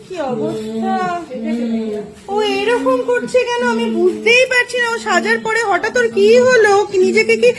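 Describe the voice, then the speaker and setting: A woman's voice: extremely high pitch, animated, moderate pace, a crowd in the background. A woman in a comic street skit, pleading frantically and repeating herself. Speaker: comedy skit creator. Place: outdoors by a busy road. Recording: noisy street with passing traffic.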